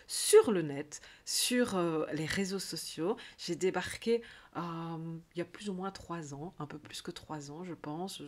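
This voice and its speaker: A woman with a Belgian French accent, a coach talking in a rambling, chatty video diary full of fillers. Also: low voice.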